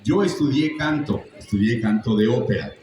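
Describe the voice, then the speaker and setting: A man's voice: medium pitch, animated, moderate pace, darkish tone. Older man, Mexican accent, jokey storyteller, far from the mic, big echoey hall, faint hum. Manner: jokey, chatty, teaching tone. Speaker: voice actor guest on a convention panel. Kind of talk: storytelling to a live audience. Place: large echoey convention hall.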